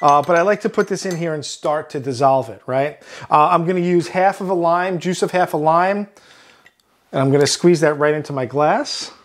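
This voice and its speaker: A chef with a Long Island accent hosting a cooking demonstration, relaxed, often ending points with "right?". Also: male voice, fairly high pitch, moderate pace, slight background noise. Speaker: chef and host.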